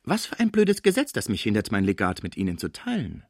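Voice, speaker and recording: A man voicing a scheming, fawning older female portress in an audiobook, flattering and pushy. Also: on the low side, fairly quick, dry recording, studio quality, full character voice. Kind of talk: audiobook character voice.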